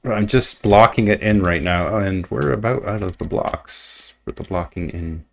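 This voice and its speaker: Gravelly-voiced man streaming a game. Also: low-pitched, normal speed. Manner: rambling, self-mocking, mutters asides to himself. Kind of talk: casual gameplay commentary. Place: at home at his computer.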